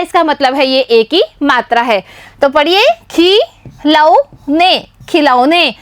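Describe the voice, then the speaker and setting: A young woman from India teaches a class of small children. Her voice sits very high and she talks slowly, stretching each syllable in a sing-song way so the children can repeat after her. The recording is dry and close. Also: a bit bright, no room sound. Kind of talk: primary school lesson for young children.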